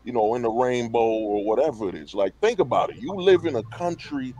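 A man's voice: mid-range voice, lively intonation, fairly quick, warm tone. A man on a livestream panel talking casually and emphatically, full of slang and rhetorical questions over a call mic. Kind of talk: casual debate talk.

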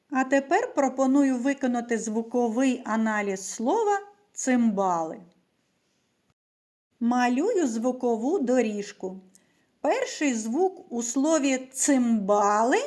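Woman teacher, children's literacy lesson, slow careful delivery, lively rising and falling pitch, fairly high voice. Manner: patient, stretched-out words, asks and answers her own questions. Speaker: primary school teacher.

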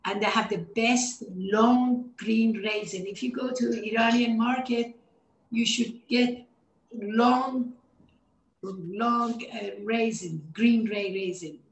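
A woman's voice: a little high, fairly even intonation, slow pace. A woman with a Persian accent, a native Persian speaker, cheerfully talking through a cooking demonstration and laughing often. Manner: cheerful, laughs often, warm enthusiasm about food. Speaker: cookbook author giving a cooking demo. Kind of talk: casual cooking demonstration talk. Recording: echoey room.

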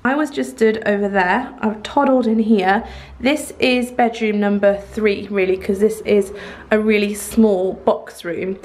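Her voice is mid-range, steady, unhurried and a little mellow. She's an English vlogger in her thirties showing off a bare, empty house on a handheld camera held at arm's length, chatty and affectionate, with plenty of ums and likes.

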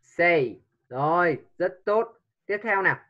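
A man's voice: high voice, animated, slow, dull audio. A man teaching an English lesson to a child, patiently coaxing with repeated prompts.

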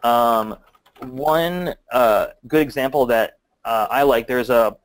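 A man fields questions on a webinar in a loose, unscripted way. He stops and restarts often and fills gaps with "uh" and "um", at a middling pitch. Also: slow, rough recording. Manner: hesitant, many fillers and restarts. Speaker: guest marketing expert. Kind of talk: webinar Q&A answers.

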